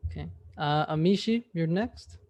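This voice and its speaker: This is a man with a voice a little higher than most, hosting a relaxed meeting over a video call. He calls on people one by one and adds friendly teasing remarks. There's some faint clicking behind him. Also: normal speed. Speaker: meeting host. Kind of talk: casual meeting introductions.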